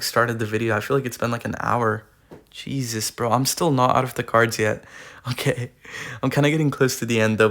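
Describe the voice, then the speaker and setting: Young guy rambling thru a game card tier list, slangy, like bro, voice kinda going hoarse, tablet mic. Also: medium pitch, a bit bright. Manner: rambling, slangy, filler-heavy. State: losing his voice. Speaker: gaming YouTuber. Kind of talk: casual tier-list commentary. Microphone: iPad recording.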